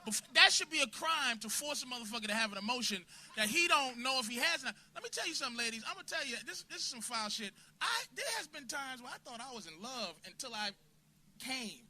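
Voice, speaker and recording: A man doing a crude, confrontational stand-up set in a comedy club, bursting into shouts at hecklers. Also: extremely high pitch, lively intonation, fast talker, slight background noise.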